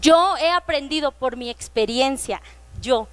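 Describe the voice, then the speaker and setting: A woman with a Mexican Spanish accent preaching a sermon, reading scripture slowly and with emphasis. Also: sits high, lively intonation, clear, resonant tone. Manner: acts out children's voices in retellings.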